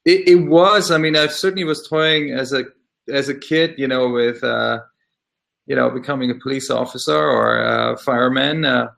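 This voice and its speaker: A middle-aged man from Austria, a guest in a casual interview, speaking thoughtfully with many pauses and fillers. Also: medium pitch, steady tone, vocal fry, fairly bright tone. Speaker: interview guest, law scholar.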